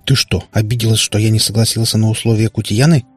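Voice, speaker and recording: Man voicing a hermit warlock dad, middle-aged, flustered, low husky voice, faint music, audiobook. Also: steady tone, quick pace, no echo. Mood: pleading. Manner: flustered, pleading, mumbling.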